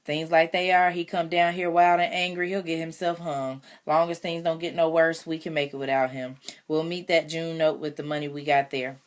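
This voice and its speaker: A woman's voice: low-pitched, level tone, moderate pace, natural voice. Woman voicing a blunt, proud farmer father. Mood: grave. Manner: blunt, firm.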